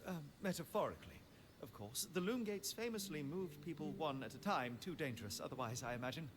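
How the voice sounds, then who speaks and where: A man's voice: fairly high pitch, expressive, brisk, natural voice. An actor playing an eager, scholarly male mage in a video game, speaking in a dreamy, wistful way that trips over itself when flustered. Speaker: game character. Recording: game audio with noise behind.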